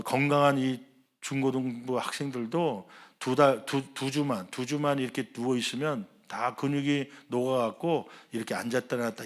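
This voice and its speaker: A middle-aged man, a senior pastor, preaching a Sunday sermon, telling a personal story and acting out the quoted dialogue, swinging between loud and hushed. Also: medium pitch.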